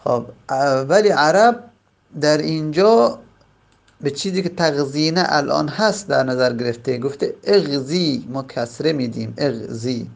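A man with a gravelly voice that sits a little high teaches a grammar lesson. He explains each rule step by step. He repeats and stretches out the example words. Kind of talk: classroom lesson.

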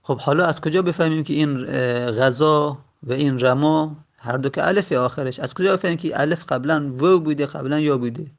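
Gravelly man teaching grammar. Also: on the high side. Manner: patient, repeats key points slowly. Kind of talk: classroom lecture.

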